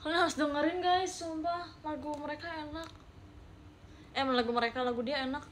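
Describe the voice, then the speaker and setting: A woman's voice: sits high, steady tone, brisk, slight background noise. A young woman streaming live, chatting playfully with viewers and reading their messages, with English words mixed into her talk. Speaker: livestreamer reading viewer chat. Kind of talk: casual live-stream chat.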